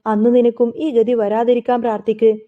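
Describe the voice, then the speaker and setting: A woman voicing a stern middle-aged husband who lectures gravely. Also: on the high side, little pitch movement, brisk, lightly acted. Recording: phone-like narrow sound.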